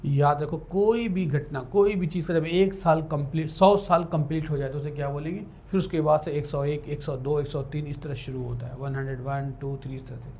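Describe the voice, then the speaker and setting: Brisk, steady and a little mellow, this slightly high-voiced man teaches English for law entrance exams, pausing little. In his classroom lecture with spelling drills, he explains in Hindi, turns to English for definitions, spells words out letter by letter, and keeps checking in with the class.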